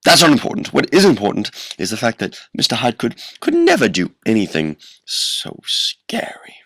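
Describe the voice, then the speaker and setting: Radio play doctor male actor: distinguished airs, jittery, defensive stammer, gravelly edge. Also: mid-range voice, wildly swooping pitch, normal speed, a bit bright, no echo, studio quality, heavily acted. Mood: flustered, defensive. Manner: stammering, self-important, protesting. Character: pompous, nervous gentleman doctor, evasive and defensive.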